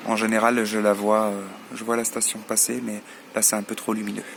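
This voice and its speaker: A man explaining his radio hobby in a casual, hesitant vlog style, halting as he talks. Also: on the low side, monotone, vocal fry, a little hiss or hum. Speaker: amateur radio hobbyist presenting.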